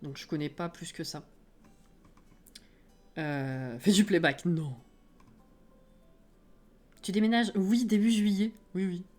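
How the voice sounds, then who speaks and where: A woman with a French accent, streaming live and chatting casually with her viewers, self-mocking and quick to laugh. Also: lowish voice, a little mellow, faint music behind.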